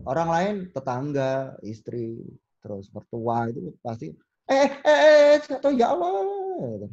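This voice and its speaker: Guy on a podcast, husky mellow voice, acts out quotes in his stories, kinda dull recording. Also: mid-range voice. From Solo, Central Java. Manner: animated storyteller who acts out quoted lines. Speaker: podcast guest, business owner. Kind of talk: casual podcast chat.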